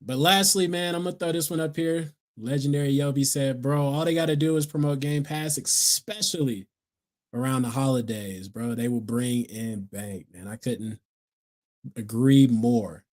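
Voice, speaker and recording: A man's voice: mid-range voice, moderate pace, a little mellow. A man co-hosting a gaming podcast, chatting casually in slang and reading out viewer comments. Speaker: podcast co-host. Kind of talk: casual chat.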